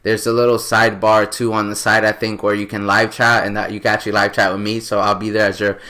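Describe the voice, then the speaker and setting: Man, late twenties, from New York, podcast host, casual rambling talk, fairly low voice. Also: level tone, fast talker, sharp tone. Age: 20s. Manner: rambling and earnest, many fillers and restarts.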